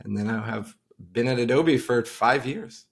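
Speaking at a measured pace with medium pitch and vocal fry, a middle-aged man from Long Island, United States, appears as a podcast guest. The tech entrepreneur keeps things informal, swapping anecdotes in a conversational interview.

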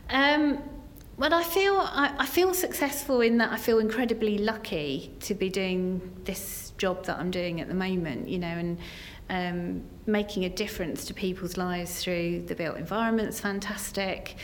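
Here the Essex executive's voice is mid-range, moving at a normal speed with few pauses. She remains an earnest, chatty interview guest who sprinkles in "you know" and "kind of," and there is slight background noise.

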